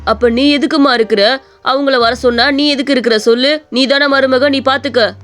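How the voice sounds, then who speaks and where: A woman's voice: sits high, steady tone, normal speed, fairly bright tone, faint music behind. A woman voicing a stern husband who gives firm instructions. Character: stern adult husband and son.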